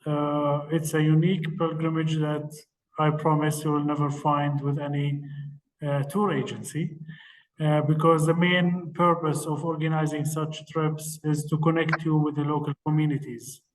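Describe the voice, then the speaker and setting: A man from Palestine, introducing his work as a tour organizer on a video call, speaking earnestly with pauses. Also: a little high, level tone. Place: outdoors in a town square. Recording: distant mic, faint street noise.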